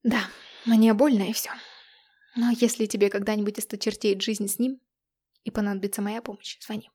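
A woman's voice: medium pitch, flat delivery, moderate pace, mellow, lightly acted. A woman doing a hurt, jealous young man. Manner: strained, earnest, pleading.

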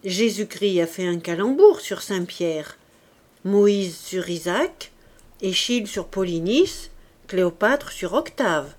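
A woman's voice: medium pitch, expressive, slow, darkish tone. A woman reading an audiobook, voicing a pompous young man who lectures his friends in grand, sententious phrases.

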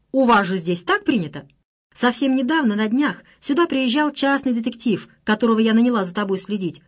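A spiteful young woman shrieks her taunts high and loud, as a female reader puts her on. The voice rides well above the reader's own and keeps a sneering, mocking edge. Audiobook reading. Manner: shrill, jeering shouts.

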